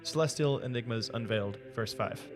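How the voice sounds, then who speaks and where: A man with a mid-range voice reads out an overwrought saga in a loud, declaiming style, then drops back into easy podcast banter. Faint music plays behind him. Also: medium pitch, a little fast. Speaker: podcast co-host. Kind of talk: casual chat, grand dramatic reading aloud.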